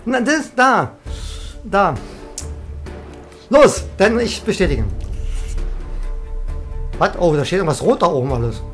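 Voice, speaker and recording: A woman's voice: lowish voice, measured pace, long pauses. Chatty lady gamer streaming, voice jumps all over, faint music under it. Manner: chatty, excitable, trails off and restarts. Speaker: game streamer. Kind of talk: casual live-stream chat while gaming.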